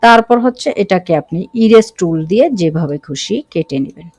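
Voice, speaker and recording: Casual woman teaching design software. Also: on the low side, expressive, fairly quick, breathy edge, no room sound, clean studio sound. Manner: casual, with frequent fillers and self-corrections. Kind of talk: screen-recorded software tutorial.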